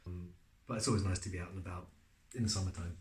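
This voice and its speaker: A relaxed man speaks in a slightly low voice, chatting casually about his acting work with plenty of fillers as he tells stories. The room gives his voice a noticeable echo. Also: quick pace, a little hiss or hum. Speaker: actor being interviewed. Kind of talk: casual interview answers.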